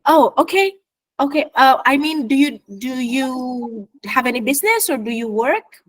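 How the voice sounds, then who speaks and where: Teaching an English class online, a woman with an Indonesian accent leads a role-play, her high-pitched voice moving at a moderate pace. She sounds lively and keeps switching between Indonesian and English.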